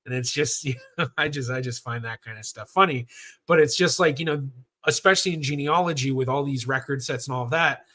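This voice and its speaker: A man's voice: mid-range voice, fairly quick, bright, forceful tone. A man in his thirties, a professional genealogist hosting a casual livestream Q&A, talking in a chatty, rambling way with lots of fillers. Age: 30s.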